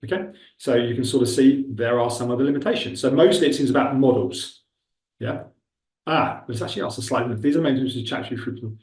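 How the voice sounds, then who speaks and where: A recruitment trainer with a Milton Keynes accent runs a casual screen-share tutorial, chatting and thinking aloud as he clicks through a demo. His mid-range voice is a little mellow and moves at a quick pace. He sits away from the mic, so the recording has a roomy echo.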